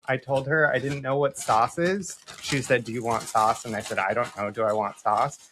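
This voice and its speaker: A man's voice: medium pitch, fairly even intonation, a bit bright, slight background noise. Chatty, joking male podcast host. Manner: jokey, chatty, quick to laugh. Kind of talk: casual chat.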